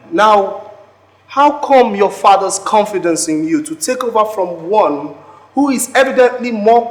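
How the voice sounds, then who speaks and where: A man's voice: sits high, a bit bright, poor audio. A male actor with a Nigerian accent playing a stern, pointed barrister in formal courtroom film drama.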